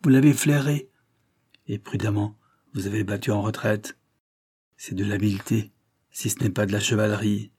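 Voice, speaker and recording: A man's voice: medium pitch, steady tone, normal speed, warm tone, no echo, clean studio sound, natural voice. A man voicing a vehement, impassioned society lady. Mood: scornful. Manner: impassioned, pleading then scornful and vehement. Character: passionate young society woman, desperate then bitter. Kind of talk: audiobook character reading.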